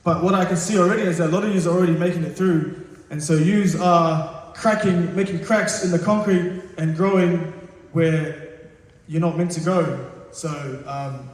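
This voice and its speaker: A man's voice: fairly high pitch, steady tone, normal speed. A man giving an earnest, encouraging school lecture as a teacher, speaking hesitantly like an unpractised public speaker. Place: large reverberant indoor assembly space. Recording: echoey hall, distant microphone.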